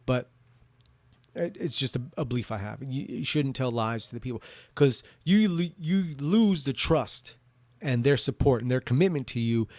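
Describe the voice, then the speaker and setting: A man giving a rambling, off-the-cuff opinion monologue, often halting, repeating words and restarting his sentences. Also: medium pitch, a little mellow, no echo. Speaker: video commentator answering viewer questions.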